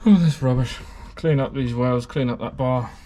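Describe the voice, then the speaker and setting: A man with a British English accent narrates a casual workshop vlog while building a race car in a hot garage. His voice is medium-pitched and mellow at normal speed, and he's chatty and rambling with lots of fillers, a little out of breath from the heat.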